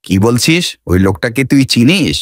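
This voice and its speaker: A man's voice: mid-range voice, sing-song, normal speed, no room sound, studio quality, lightly acted. A man voicing a stern, commanding police officer in a cartoon.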